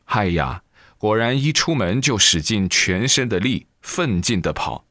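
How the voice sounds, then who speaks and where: A man with a fairly low voice reads a Buddhist book aloud, telling it as a lively story full of exclamations. The sound is dry and close, with no room around it. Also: measured pace, no room sound. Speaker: reader.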